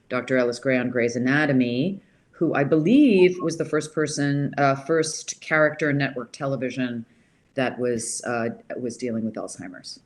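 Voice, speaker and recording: A woman actor introducing herself on a panel, halting as she searches for words. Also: very deep voice. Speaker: actress on panel.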